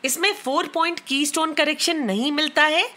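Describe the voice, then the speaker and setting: A woman with an Indian accent reviewing tech products, explaining in a clear, matter-of-fact way. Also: high-pitched, a little fast, sharp tone. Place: bedroom at home.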